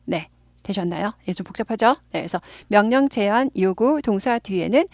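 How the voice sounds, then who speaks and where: A woman's voice: mid-range voice, animated, normal speed, dry recording. A woman teaching English grammar in Korean, patiently explaining and stretching out key words, with many short "yes" fillers.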